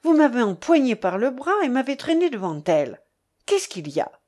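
A woman's voice: on the high side, big pitch swings, normal speed, darkish tone, voice pushed up. A woman reading the part of a defensive young man protesting an insult. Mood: offended.

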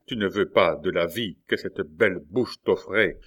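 A man's voice: low voice, measured pace, fairly bright tone. A man playing a scornful ruthless swordsman. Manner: scornful commanding delivery. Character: fierce young swordsman, cocky and ruthless.

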